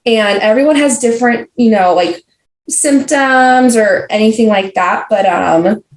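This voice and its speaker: A young adult woman with a somewhat high voice speaks a little slowly as a guest in a casual podcast interview. Her talk rambles, with plenty of fillers and restarts, and the recording has a roomy echo.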